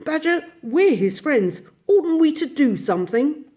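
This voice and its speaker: A woman voicing a brisk, practical male water rat who speaks eagerly and earnestly, in a storybook reading. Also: sits high, big pitch swings, darkish tone, pitched above the performer's own voice.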